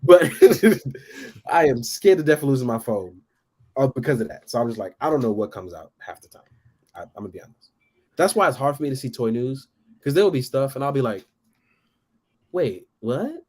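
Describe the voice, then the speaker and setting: A man with a slightly husky, mid-pitched voice, chatting casually on a podcast. He rambles in an animated way and laughs often. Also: brisk. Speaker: guest toy photographer.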